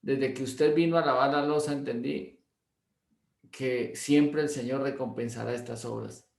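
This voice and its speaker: A humbled young husband, as a male preacher puts him on, speaking low and sincere. A roomy echo hangs around him. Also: steady tone, measured pace, vocal fry. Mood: earnest.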